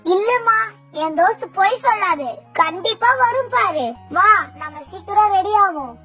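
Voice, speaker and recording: A woman's voice: animated, unhurried. A woman voicing a poor, hopeful little sparrow boy in a cartoon, with a childlike, pleading way of talking. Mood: insistent. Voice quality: very high childlike voice. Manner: pleading, eager. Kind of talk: cartoon voice acting. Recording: faint background music.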